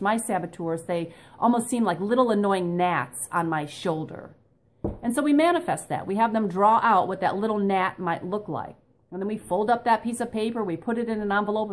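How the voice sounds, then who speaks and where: A woman speaking as a motivational coach, explaining things in an instructive way and addressing her listeners directly. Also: mid-range voice.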